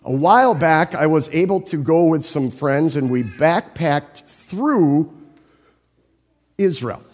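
A man's voice: a little high, lively intonation, slow, a little mellow, in a large hall. A man preaching a sermon, telling a personal story in a conversational way and asking his listeners questions. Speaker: pastor.

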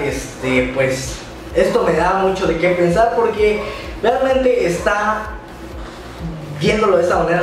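Young Mexican guy, Mexican Spanish accent, high-pitched, casual slangy vlog host; far-off camera mic in a very echoey room. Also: slight background noise. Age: young adult. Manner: loose, joking, full of slang and fillers. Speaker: YouTuber hosting a news segment. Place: small indoor room, bedroom studio.

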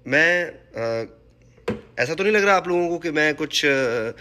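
A young man hosting a casual cooking vlog, slightly hoarse, chatty and joking, mixing English words into his talk. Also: fairly high pitch, lively intonation, a little slow, sharp tone, a little hiss or hum. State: slightly hoarse from singing practice. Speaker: cooking vlogger.

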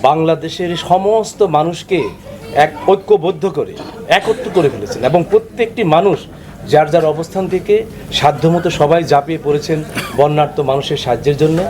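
Male Bangladeshi interviewee, slightly high voice, fast talker, crowd noise behind. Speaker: community member interviewed. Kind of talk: spoken interview comment.

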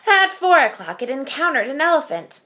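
Expressive woman reading a picture book. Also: sits high. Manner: expressive, slows for suspense. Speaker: storyteller. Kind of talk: children's read-aloud. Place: home room with shelf.

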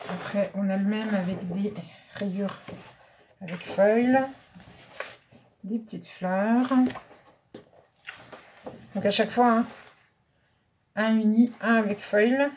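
A woman's voice: mid-range voice, fairly even intonation, slow pace, pauses often, darkish tone, slight background noise. Chatty French woman showing papers. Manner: chatty, thinking aloud with fillers and asides. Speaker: craft vlogger showing a haul. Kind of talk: casual show-and-tell.

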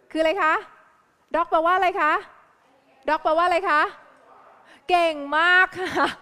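A woman's voice: high voice, pushed and bright, in a large hall. A woman teacher quizzing children on vocabulary in a live class, repeating her questions. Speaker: English teacher.

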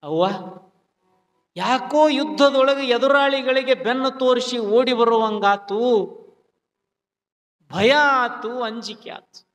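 A frightened young warrior, as a man puts him on, pleads in a fearful voice. The voice is very high for a man and sits in a long reverberant hall. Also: slow, long pauses, a bit bright, heavily acted. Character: frightened young warrior son, sweating and tearful.

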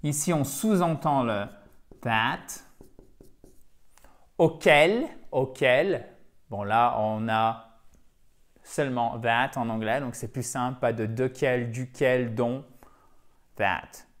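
A man's voice: mid-range voice, takes it slowly, pauses often. A man whose first language is French, giving a video English lesson. He explains patiently, repeats key words and keeps checking in with the viewer. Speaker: English teacher.

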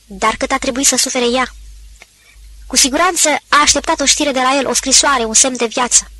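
A woman narrating an audiobook in a steady, expressive storytelling manner. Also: high-pitched, low-quality recording.

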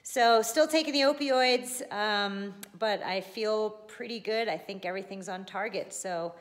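A woman's voice: mid-range voice, a little slow. Middle-aged woman, reverberant home video diary. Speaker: vlogger. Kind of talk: casual video diary update. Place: indoors, open high-ceilinged living room and kitchen at home. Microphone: handheld phone at arm's length. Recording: long room reverb.

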